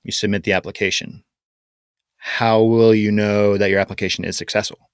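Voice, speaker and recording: Low-voiced man explaining, dry sound. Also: level tone, normal speed, smooth, no room sound. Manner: conversational, explaining with many fillers. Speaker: podcast co-host. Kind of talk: casual chat.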